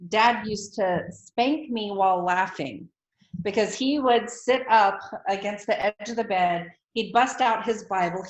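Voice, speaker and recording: A woman hosting a book club on a video call, chatty and upbeat with frequent ums. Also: mid-range voice. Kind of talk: casual chat on a video call. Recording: roomy video call audio.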